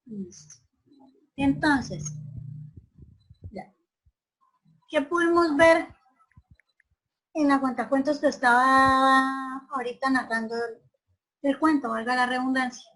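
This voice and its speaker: A woman's voice: high-pitched, a bit bright, rough recording. A woman teacher giving an online class. She asks her students many questions and often checks whether they agree.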